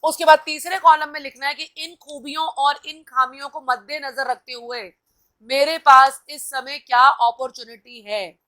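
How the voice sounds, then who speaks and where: A TV anchor and host with a high, bright voice and a forceful tone gives a motivational talk on a live stream. She coaches her viewers directly and reads their comments aloud.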